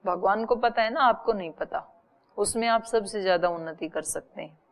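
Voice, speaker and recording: A woman spiritual teacher giving a discourse, explaining slowly with everyday examples and rhetorical questions. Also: mid-range voice, muffled recording. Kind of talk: Upanishad discourse.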